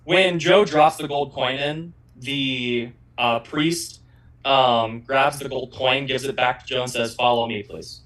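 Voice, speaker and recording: A man running a tabletop game as game master, talking in a halting way with many fillers. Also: mid-range voice, a bit bright, low-quality recording. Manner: halting, filler-heavy delivery.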